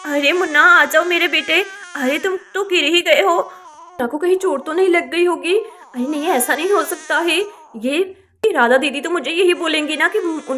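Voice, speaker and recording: A woman's voice: very high voice, sharp tone. A woman voicing a young village woman who frets and pleads while minding her sister's baby in a doll story. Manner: fretful, pleading.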